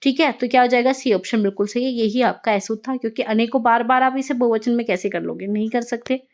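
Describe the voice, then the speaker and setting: Brisk woman teacher, higher voice. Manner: brisk, explains with repeated checks ("ठीक है"). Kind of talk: online exam-prep lesson.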